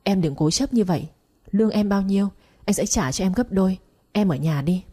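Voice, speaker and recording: A woman's voice: mid-range voice, fairly quick, warm tone, husky, lightly acted. A woman voicing a young husband who firmly defends his wife in a read-aloud story. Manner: firm, exasperated pleading.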